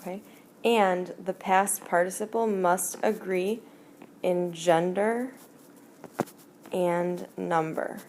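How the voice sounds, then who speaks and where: A woman teacher explaining grammar in a screencast lesson, slow and deliberate as she writes out examples. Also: on the low side, fairly even intonation, darkish tone, slight background noise. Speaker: French teacher.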